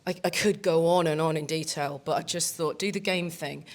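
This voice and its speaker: A woman's voice: low-pitched, brisk. A woman actor introducing herself on a conference panel in a wry, self-deprecating way. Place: conference stage.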